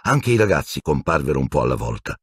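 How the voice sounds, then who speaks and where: A man narrating an audiobook with expressive storytelling. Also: rumbling low, fast, husky, no room sound, studio quality. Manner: expressive storytelling, voicing every character.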